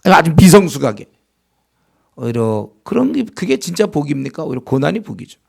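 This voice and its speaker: A man's voice: on the high side, very animated, brisk, vocal fry. A man preaching a sermon as pastor, in a conversational style that acts out complaining believers in a raised voice.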